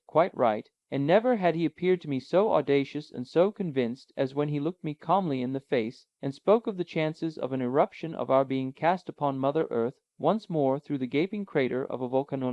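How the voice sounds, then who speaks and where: A man reading a classic adventure novel aloud in a measured, dramatic narration. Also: medium pitch, darkish tone, no room sound. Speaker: audiobook narrator. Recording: dull, lo-fi, dry.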